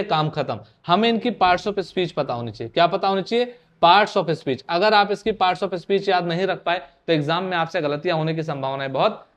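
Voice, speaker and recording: A male teacher giving an online exam-prep lecture in with terms, often putting questions back to his students and drilling the answers. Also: sits high.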